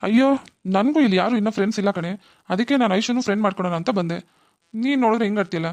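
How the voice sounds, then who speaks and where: Performer doing a playful flirty cartoon guy, middle-pitched, teasing, dry close recording. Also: very fast, darkish tone, dry recording, natural voice. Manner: teasing, cajoling. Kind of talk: cartoon voice acting.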